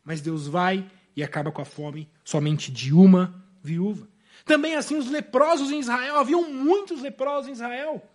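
A man preaching an evening sermon in a Brazilian accent, emphatic and often dropping to a soft voice. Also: very high-pitched, normal speed. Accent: Brazilian Portuguese. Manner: emphatic, with sudden drops to a soft voice.

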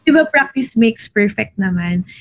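A woman guest in a casual chat, soft-spoken and gentle, mixing Filipino and English. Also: mid-range voice, expressive, unhurried.

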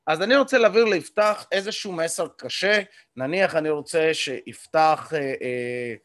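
Male workshop coach, fairly high voice, explanatory, hesitant fillers, keeps checking in with the room. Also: a bit bright, no echo. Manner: explanatory, checks in often with the audience. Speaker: communication coach leading a workshop. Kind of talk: live teaching to a group.

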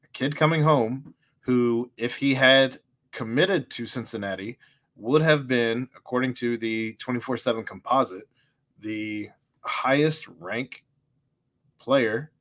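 Male host, mid pitch, conversational sports rundown, easy laugh. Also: slow, fairly bright tone. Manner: steers the talk, rundown of college football news, laughs easily. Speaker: podcast host. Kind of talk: casual sports chat.

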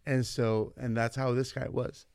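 A man's voice: medium pitch, measured pace, no echo, studio quality. A man in his forties, a vice principal from California, telling stories in a casual interview and acting out what people said. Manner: animated, acts out quoted dialogue in his stories. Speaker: vice principal, podcast guest.

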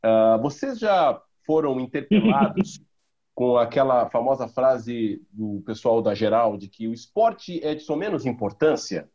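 A man's voice: medium pitch, big pitch swings, measured pace, warm tone, highs cut off. A man hosting a podcast, asking short, friendly questions in a casual chat. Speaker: podcast host.

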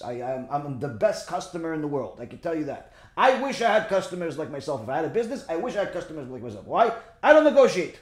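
A middle-aged rabbi, a man, preaches a Torah sermon, firing rhetorical questions at his listeners. His voice sits high and leaps up and down as he presses each point. The room around him rings with a noticeable echo. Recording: roomy echo.

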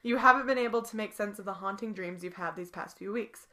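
A young woman with a bright, clear voice reads a choose-your-own-adventure board game aloud for her podcast. She giggles often and breaks off into playful asides between passages. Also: medium pitch, fast. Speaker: podcast co-host. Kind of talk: casual reading of a board game story.

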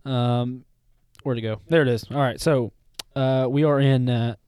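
A young man co-hosting a casual faith podcast, easygoing and quick to laugh, reading Bible verses aloud. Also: medium pitch, steady tone, darkish tone, clear, resonant tone, no echo. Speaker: podcast co-host.

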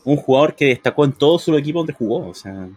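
This Chilean-accented man is a football commentator on a group broadcast, teasing and playfully exaggerating in casual live-match banter. His voice is fairly high, animated and darkish, he talks fast, and a little hiss or hum is audible.

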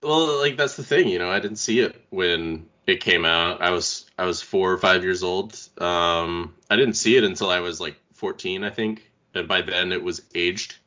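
A man's voice: sits low, normal speed, hardly any pauses, bright, forceful tone, muffled recording. A male podcast host with a congested voice, chatting casually and rambling with fillers. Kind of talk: casual chat.

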